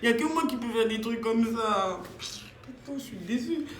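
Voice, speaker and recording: A young woman telling a casual storytime, animated and slangy, acting out what others said. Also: fairly high pitch, normal speed, a little hiss or hum. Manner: animated, slangy, acts out quotes. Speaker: vlogger. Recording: echoey room.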